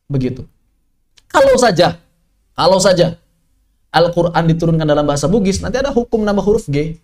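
A man from the Sundanese region of West Java teaching a tajwid lesson in an online class, lively and jokey, asking his students rhetorical questions. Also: a little high. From Sundanese region of West Java, Indonesia. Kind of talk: online Quran recitation lesson. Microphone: online class microphone.

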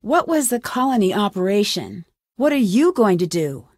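With a medium pitch and a slightly mellow tone, this American actress plays the game's determined young amateur detective at a moderate pace, very animated. The clean studio recording has no room sound, and she comes across as businesslike, curious, assertive and questioning, with crisp enunciation.

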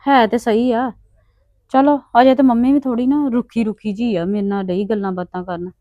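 A woman's voice: fairly high pitch, fairly even intonation, moderate pace, no echo, dull audio. A woman with a Punjabi accent acting a pleading daughter-in-law in a family drama. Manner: pleading, appeasing.

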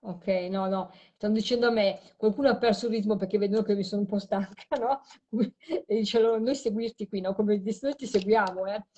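A woman's voice: mid-range voice, steady tone, a little fast, hardly any pauses, mellow. A tired woman hosting a late live stream, talking to a caller while she replays audio clips. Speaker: host of a live show on spirit voice recordings.

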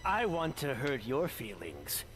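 A man's voice: mid-range voice, huge pitch swings, measured pace, loud music behind the voice. A man voicing a petty, taunting hedgehog antihero with sarcastic, crude delivery in an improvised game fandub. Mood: menacing.

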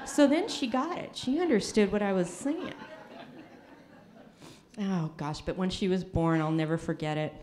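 Middle-aged woman comic, lively storytelling with chatty asides. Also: fairly low pitch, measured pace, long pauses. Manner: animated storytelling with asides and "oh, gosh". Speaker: stand-up comedian. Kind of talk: stand-up storytelling.

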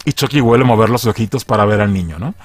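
A man giving a slangy, animated recap of a TV episode, acting out the lines in different voices. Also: lowish voice, fast, dry recording. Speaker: video reviewer.

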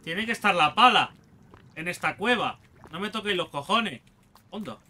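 A man's voice: high voice, expressive, moderate pace, bright, forceful tone. A man with a Spain Spanish accent giving crude, joking let's play commentary and taunting the enemies he fights. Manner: swearing, joking, talks to enemies. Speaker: gaming youtuber.

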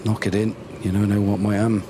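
A male golf commentator with a slightly low voice reports live from the course. His delivery is hushed and clipped, with loud outdoor noise surrounding it. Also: fast. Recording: heavy outdoor noise behind the voice. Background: steady outdoor course noise.

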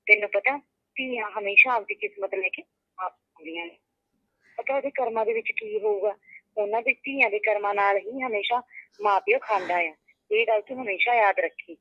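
A woman's voice: mid-range voice, normal speed, pushed and bright, no room sound, dull audio. A woman playing a consoling woman friend on the phone. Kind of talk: web drama acting.

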